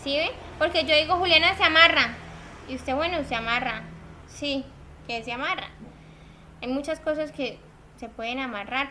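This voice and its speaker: A woman teaching a grammar class in a high, bright voice. She explains patiently with everyday examples and keeps checking that her students follow. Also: a little hiss or hum. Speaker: Spanish teacher.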